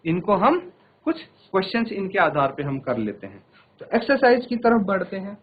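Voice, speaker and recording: A man's voice: high-pitched, very animated, moderate pace, slightly rough, phone-quality sound. A man teaching a televised maths class in Hindi-accented speech, patiently addressing children and repeating each step.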